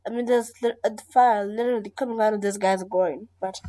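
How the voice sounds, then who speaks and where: A woman's voice: mid-range voice, fairly even intonation, a little fast, warm tone. A woman reacting casually to a video, rambling and hesitant, often breaking into giggles.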